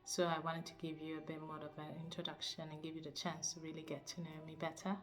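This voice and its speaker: Soft-spoken woman from Cuba. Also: sits low, little pitch movement, over music. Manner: soft, searching, laughs often and pauses to find words. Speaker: teacher and spiritual coach. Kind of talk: personal introduction to camera.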